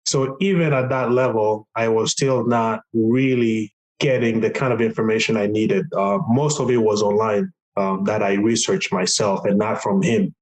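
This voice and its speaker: A middle-aged man from Tanzania, a patient advocate earnestly and reflectively recounting his experience, with frequent pauses and fillers. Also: lowish voice, fairly even intonation, rough recording. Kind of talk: recorded podcast testimony.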